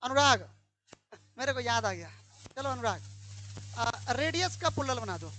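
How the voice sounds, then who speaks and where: High-voiced woman teaching a class. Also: very animated, measured pace, pushed and bright, slight background noise. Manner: quizzing pupils, repeating questions. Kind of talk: classroom grammar lesson.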